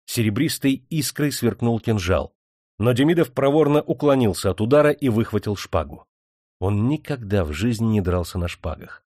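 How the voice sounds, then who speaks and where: Low-voiced male audiobook narrator, dry. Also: no echo. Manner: steady, measured storytelling. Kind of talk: scripted narration.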